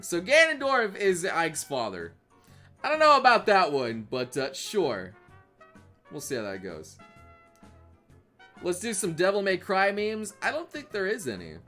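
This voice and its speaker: A man's voice: high voice, wildly swooping pitch, measured pace, long pauses, bright, forceful tone, faint music behind. A man streaming live and reacting to memes for his chat, rambling, repeating himself and swearing often.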